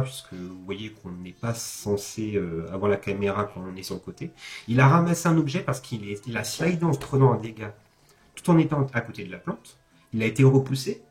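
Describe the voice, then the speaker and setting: A man hosting speedrun commentary explains things informally in a mid-range, darkish voice. He pauses, corrects himself, and makes casual asides, with music in the background.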